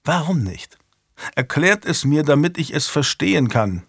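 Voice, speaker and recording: A man's voice: fairly high pitch, big pitch swings, unhurried, fairly bright tone, breathy edge, dry recording, voice pushed up, heavily acted. A man voicing a young male king who is earnest and commanding and presses his questions in a dry studio recording. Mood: pleading.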